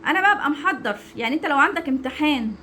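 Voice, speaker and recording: A woman's voice: high voice, expressive, very fast, bright, forceful tone, slight background noise. A woman with an Egyptian Arabic accent giving an informal religious talk, earnest and conversational, with frequent restarts. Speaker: religious speaker.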